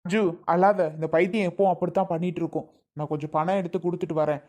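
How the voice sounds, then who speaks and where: A woman's voice: fairly low pitch, steady tone, very fast, mellow, lightly acted. A woman playing a protective young husband who scolds his sister and comforts his wife in a family skit. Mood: scolding. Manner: scolding, exasperated.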